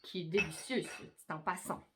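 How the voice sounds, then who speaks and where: A middle-aged woman with a Québécois accent improvising an Easter story with her daughter in a coaxing, animated way. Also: on the low side, moderate pace, slight background noise. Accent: Québécois French. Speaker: mother telling story.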